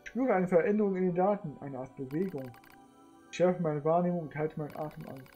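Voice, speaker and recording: A streamer calmly reading game narration aloud in the first person, in an even, measured manner. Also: mid-range voice, soft background music.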